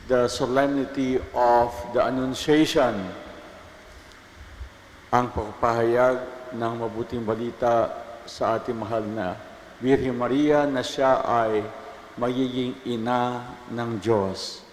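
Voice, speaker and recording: Filipino priest in cathedral echo. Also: male voice, medium pitch, fairly even intonation. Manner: slow, measured liturgical delivery, switching between English and Tagalog. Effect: cathedral echo, long church reverb. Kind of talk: celebrating Mass. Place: large church. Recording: echoey church with long reverb, faint noise.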